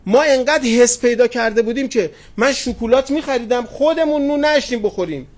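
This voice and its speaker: Man, very high voice, middle-aged cleric, sermon with stories, tender address to listeners. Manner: addresses listeners tenderly, retells anecdotes with quoted dialogue. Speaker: cleric preacher. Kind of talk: sermon with storytelling. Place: religious gathering hall.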